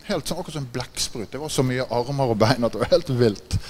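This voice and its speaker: A man preaching a sermon, telling stories with growing excitement, laughing often and checking in with listeners by asking "right?". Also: a little hiss or hum. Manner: gets louder and higher in excited passages. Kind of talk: sermon with animated storytelling.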